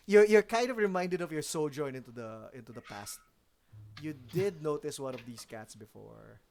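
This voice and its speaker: A man's voice: on the high side, lively intonation, moderate pace, gravelly, darkish tone. A man narrating as game master of a tabletop game, chatty and laughing as he describes the scene.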